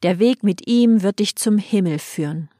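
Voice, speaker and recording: A woman's voice: medium pitch, moderate pace, dark tone, no echo, clean studio sound, lightly acted. A woman reading an audiobook voices grieving townspeople who plead and praise with a lamenting tone.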